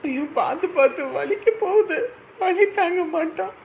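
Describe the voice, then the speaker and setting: A woman's voice: high-pitched, moderate pace, a little mellow, slight background noise. An actress playing an anxious, tearful young mother. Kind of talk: village family drama acting.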